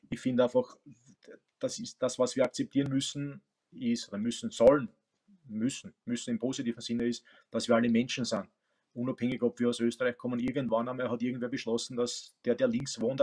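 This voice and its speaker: On a video call over his webcam, an Austrian-accented coach and teacher in his forties talks thoughtfully from a bookshelf-lined room at home. His mid-range voice is a little mellow, and his speech is full of fillers and restarts.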